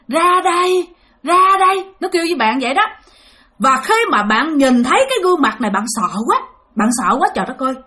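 A woman's voice: on the high side, a bit bright. Dramatic woman storyteller. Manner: dramatic, emphatic, addresses listeners. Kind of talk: ghost story narration.

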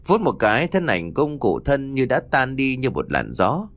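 Lively male ghost-story narrator. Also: mid-range voice, normal speed, dry recording.

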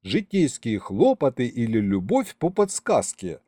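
A man's voice: mid-range voice, wildly swooping pitch, measured pace, warm tone, no room sound, studio quality. A man voicing a prim, romantic young female clerk with a prissy, bookish way of talking. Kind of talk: audiobook character voice.

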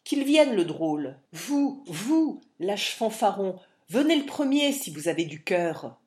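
A woman's voice: on the low side, animated, normal speed, mellow, lightly acted. A woman voicing a defiant male swordsman. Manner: bitter, challenging outbursts.

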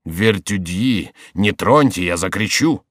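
A man's voice: low voice, lively intonation, slow, fairly bright tone, no echo, studio quality, heavily acted. A man reading as a frightened, pleading monk. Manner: pleading, evasive. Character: frightened stout male monk, easygoing.

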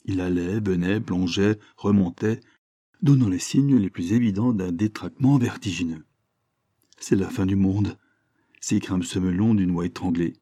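A man reading a literary short story aloud in a measured, expressive storytelling manner. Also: deep voice, dry recording, clean studio sound. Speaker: reader.

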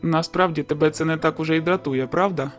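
Teasing, persistent teen boy in a storybook read, played by a woman in a lowered voice. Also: quick pace, soft background music, lightly acted. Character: teasing, persistent teenage boy, warm and cheerful.

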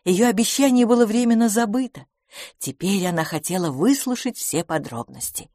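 Narrating an audiobook, a woman tells the story expressively in a medium-pitched voice at a normal speed. The recording is studio quality, with no room sound.

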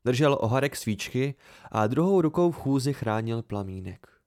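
A man gives a measured first-person audiobook narration with an amateur touch. His voice sits at an ordinary middle pitch. He tells the story in an even, steady way. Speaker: audiobook reader.

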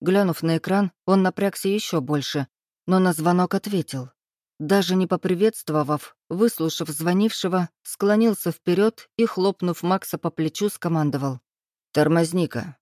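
A woman's voice: fairly low pitch, moderate pace, a little mellow, no echo. Woman narrating an audiobook, dry close sound. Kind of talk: first-person scripted narration.

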